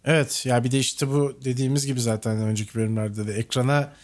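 A man's voice: mid-range voice, steady tone, fast. A man co-hosting a casual talk show, agreeable and laughing lightly as he talks. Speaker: podcast co-host. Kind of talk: casual conversational commentary.

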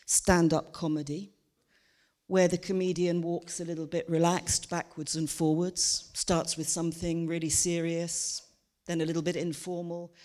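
A stage-trained woman talks to a live audience in a slightly low voice. She moves easily between loose, chatty remarks and grand theatrical delivery, like a comedian who knows how to hold a room. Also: dark tone. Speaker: stage performer. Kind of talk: stand-up stage monologue.

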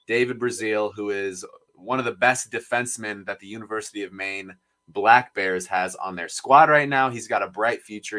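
A man's voice: on the low side, a bit bright, low-quality recording. A young man from Michigan co-hosting a casual sports podcast, with an upbeat, hype-man delivery. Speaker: podcast co-host.

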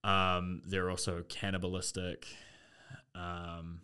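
A man's voice: low voice, monotone, slow, bright, forceful tone, clear, resonant tone. A man chatting loosely as a podcast co-host, rambling with lots of fillers and swearing. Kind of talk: casual chat.

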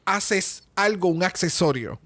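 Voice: medium pitch, lively intonation, measured pace, fairly bright tone. A podcast co-host chatting casually in emphatic, profane Spanglish, switching between Spanish and English slang. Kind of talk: casual chat, opinionated review.

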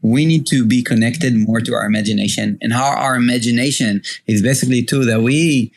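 A man's voice: medium pitch, a little fast, vocal fry, poor audio. Rambling casual podcast host, a man. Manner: rambling, many fillers, laughs often. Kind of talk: casual chat.

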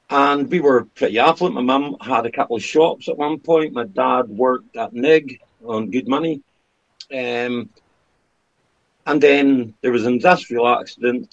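A man in his fifties from the Scottish Highlands, with a Highland accent, talking casually and candidly about things in a conversational, storytelling way. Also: measured pace, creaky. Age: 50s. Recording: dull lo-fi sound.

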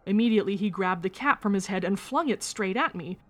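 A woman reading a first-person memoir aloud in a steady, measured storytelling manner. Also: medium pitch. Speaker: narrator.

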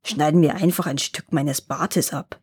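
Woman doing a shrill, furious old dwarf. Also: moderate pace, close to an everyday voice. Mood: grumbling. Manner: snapping, insulting, shouting. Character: grumpy, shrill little old male dwarf.

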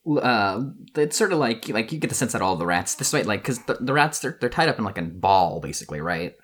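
A man narrating as game master of a tabletop game, halting, with many restarts and fillers. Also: fairly low pitch, big pitch swings, a bit bright, breathy edge.

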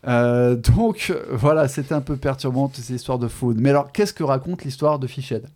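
A man hosting a podcast, chatting casually about a book, pausing often with fillers and restarting his sentences. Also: mid-range voice, darkish tone. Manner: hesitant, many fillers and restarts, chatty asides. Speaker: podcast host. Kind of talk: casual literary chat.

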